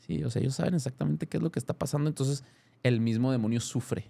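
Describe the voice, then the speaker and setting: A man in his thirties with a Mexican accent, a guest in a casual interview, telling a story in an animated way with many restarts and self-corrections. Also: medium pitch, fast talker, vocal fry. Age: 30s.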